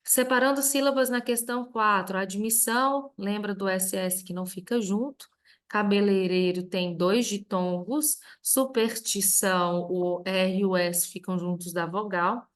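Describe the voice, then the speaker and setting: A woman's voice: mid-range voice, moderate pace, hardly any pauses, fairly bright tone. Brazilian woman teaching grammar step by step. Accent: Brazilian Portuguese. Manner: clear, step-by-step explanation with stressed example words. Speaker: Portuguese teacher. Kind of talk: reviewing a grammar lesson.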